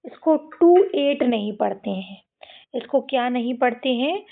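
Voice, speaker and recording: A woman's voice: fairly high pitch, normal speed, gravelly. A woman teaching children to read English words, repeating each sound and asking them questions as she goes. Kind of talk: slow explanatory lesson to children. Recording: tinny phone-like recording.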